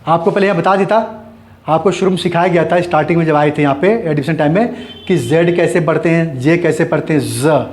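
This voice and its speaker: A man gives a grammar lesson in a high voice. He repeats each point, asking questions and answering them himself. The room is echoey. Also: a little fast, darkish tone. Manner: repetitive, explains step by step, asks and answers his own questions. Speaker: English grammar teacher.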